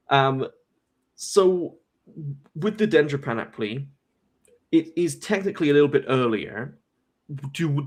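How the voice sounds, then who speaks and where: A young man hosts a casual live stream and thinks out loud as he goes. He rambles, pausing on fillers and doubling back to restart his sentences. His pitch sits in the middle range for a man. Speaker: host.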